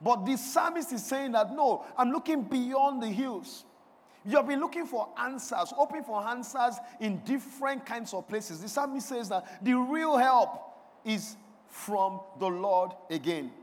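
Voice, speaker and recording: Preaching at a measured pace with lively intonation, a male pastor with a notably high voice calls out lines for his congregation to repeat in his sermon. He moves from quiet questions to loud, emphatic proclamations, his voice ringing with the long reverb of a large church sanctuary.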